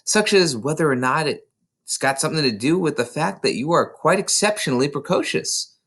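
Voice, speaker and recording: A man voicing a patient, careful woman schoolteacher in a storybook, with a measured, explanatory, cautioning manner. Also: on the high side, animated, a bit bright, husky, voice pushed up, exaggerated voice. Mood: explaining. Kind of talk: children's storybook read aloud.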